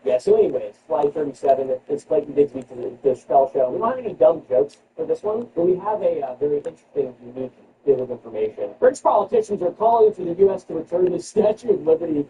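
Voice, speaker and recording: Sarcastic man with squealing bursts. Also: dull audio. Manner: sarcastic, jumps into high mock-outraged squeals. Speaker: comedy podcast host. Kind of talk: comedic news riff with retakes. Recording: distant mic with background noise.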